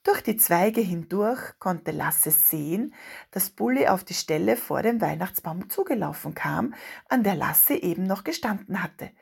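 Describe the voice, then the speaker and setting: Husky woman reading a children's story. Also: medium pitch, unhurried. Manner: steady, expressive reading.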